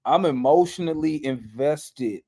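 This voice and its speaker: A man's voice: fairly high pitch, measured pace, mellow. A man talking casually as a podcast guest, colloquial and emphatic, often repeating himself for effect. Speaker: podcast guest, fan show host. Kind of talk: casual chat.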